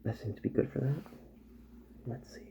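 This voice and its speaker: A man with a medium-pitched, creaky voice plays a robot repair doctor in a soft-spoken ASMR roleplay, calm, attentive and focused, unhurried and often dropping to a whisper. The sound is dull and there's loud background noise.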